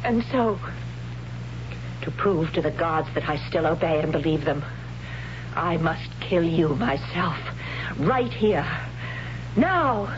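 In a 1970s radio drama, an actress with a low-pitched, animated voice plays a troubled young warrior woman who sounds torn. She speaks haltingly and hesitantly, breaking into tears. The old recording is muffled and full of hiss.

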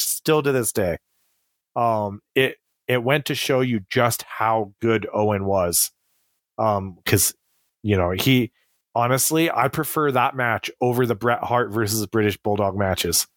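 A man's voice: medium pitch, a little slow, a bit bright, no room sound, studio quality. A middle-aged man telling stories in a casual, rambling way, full of fillers and restarts. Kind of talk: casual conversational storytelling.

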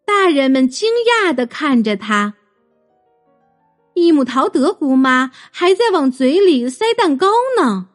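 A woman narrating a children's story in a gentle, expressive way. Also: high voice, slow pace, faint music behind.

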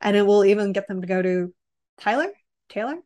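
A woman chatting casually about a film, animated and full of fillers. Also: medium pitch, fairly quick.

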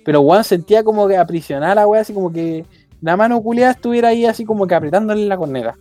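A man's voice: sits high, rapid-fire, warm tone, no room sound, soft background music. A young man with a Chilean accent telling a rambling, slang-filled anecdote in casual chat. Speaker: storyteller.

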